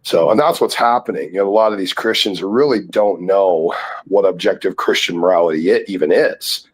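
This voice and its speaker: A man's voice: deep voice, fairly quick, slightly rough, rough recording. A man in casual chat, blunt and crude, lecturing at length on morality.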